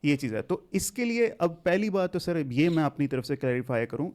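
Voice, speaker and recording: A man in his thirties hosts a podcast and debates his guest head-on. He pushes back animatedly and is quick to object, speaking with a slightly high pitch. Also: big pitch swings, darkish tone. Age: 30s. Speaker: podcast host. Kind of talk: heated debate.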